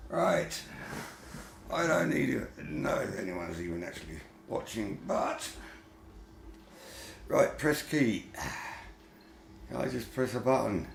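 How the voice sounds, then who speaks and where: A man with a heavily gravelly, fry-filled voice gives unhurried, grumbling running commentary while gaming. He talks in a lowish register and swears mildly now and then. The room around him rings with noticeable echo. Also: big pitch swings, a little hiss or hum. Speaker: vlogger.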